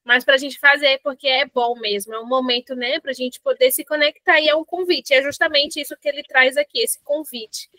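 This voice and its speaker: A middle-aged woman leads a parenting book club, mixing casual reflection with passages read aloud. Her voice sits high and sounds bright. The recording is dry, with no room sound. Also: moderate pace, hardly any pauses, dry recording. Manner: animated, uses fillers like "né" and "assim", reads quotes aloud.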